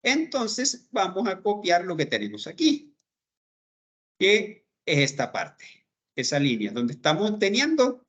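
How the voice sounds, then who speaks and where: Slow, lively-voiced man teaching code. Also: sits high. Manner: slow, step-by-step explaining, checks in with "¿verdad?". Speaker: programming teacher. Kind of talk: screen-recorded coding lesson.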